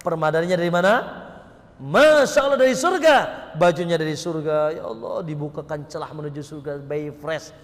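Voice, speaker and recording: Male preacher, high voice, bantering sermon delivery, long hall reverb. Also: normal speed. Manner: lively, teasing the audience with questions.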